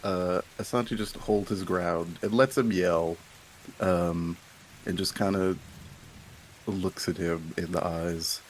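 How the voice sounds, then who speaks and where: A man narrating his character's actions in a tabletop game, quiet and halting. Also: sits low, fairly even intonation, a little hiss or hum, rough recording. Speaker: player.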